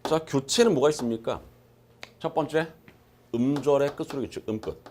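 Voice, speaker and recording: With a darkish, mid-range voice at normal speed, a man teaches a recorded exam-prep class in a lecture room against slight background noise. He talks with emphasis, answers the questions he puts to students, and repeats key terms as a drill.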